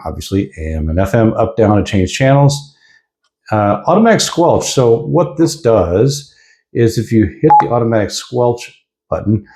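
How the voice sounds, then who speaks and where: A lowish, mellow voice belongs to an American radio reviewer casually going over a product's features with some hesitation. He's indoors at a desk, and the sound echoes around the room.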